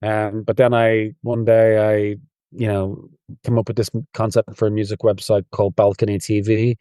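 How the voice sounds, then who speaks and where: A man with a soft Dublin Irish accent, telling stories in a relaxed, rambling way as a podcast guest. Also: on the low side, moderate pace, dry recording, studio quality. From Ireland. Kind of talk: casual interview.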